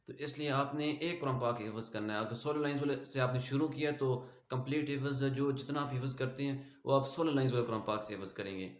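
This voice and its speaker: A man teaching an online Quran lesson with a Pakistani Urdu accent, explaining pronunciation patiently and reciting slowly for students to repeat. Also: mid-range voice, fairly even intonation, echoey room.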